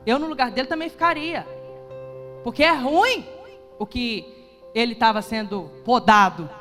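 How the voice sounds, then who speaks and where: High-pitched woman preaching a fiery sermon. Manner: impassioned, shouting at peaks. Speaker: pastor. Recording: echoey church hall with music behind.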